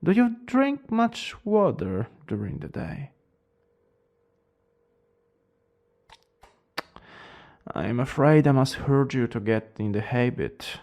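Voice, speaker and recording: A man acts out a plague doctor in a role-play, coldly polite and clinical, with an Italian accent. His mid-pitched voice crackles with gravelly fry. He speaks slowly and formally, with sweeping rises and falls in intonation. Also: big pitch swings, darkish tone. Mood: clinical, courteous. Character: cold, eerily polite male plague doctor.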